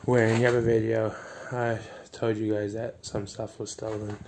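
Outdoors on rural land and later inside a farmhouse, a vlogger in his thirties chats casually while filming a property tour on a phone at arm's length. He speaks on the low side at normal speed, with little pitch variation, and there is background noise.

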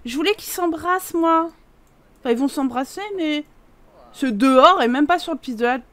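A young woman giving chatty, excitable commentary while playing a life simulation game, laughing often and exclaiming. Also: high voice, moderate pace, no echo. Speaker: gaming video host. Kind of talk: casual Let's Play commentary.

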